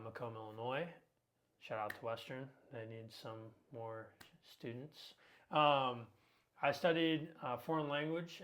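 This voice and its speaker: Upbeat twenty-something male co-host, talkative, casual and filler-heavy, average pitch. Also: fairly bright tone. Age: 20s. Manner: talkative, upbeat, frequent ums and uhs. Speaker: podcast co-host. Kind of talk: casual podcast chat.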